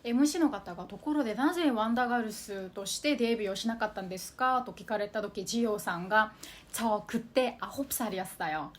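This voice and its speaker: A woman teaching a language lesson, repeating example sentences slowly and carefully. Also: on the high side, a little hiss or hum. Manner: slow, careful repetition of example phrases.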